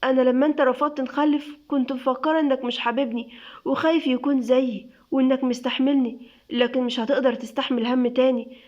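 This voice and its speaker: A woman's voice: high-pitched, steady tone, fast talker, natural voice. A woman doing a teasing young Egyptian wife. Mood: tender. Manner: teasing and coaxing. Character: playful affectionate young wife, newly pregnant. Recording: dull lo-fi sound.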